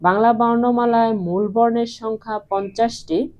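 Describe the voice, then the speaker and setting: A woman teacher giving a grammar lesson, asking the class questions and answering them herself, and saying sounds out slowly and clearly. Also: a little high, fairly even intonation, highs cut off. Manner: slow and clear when pronouncing sounds.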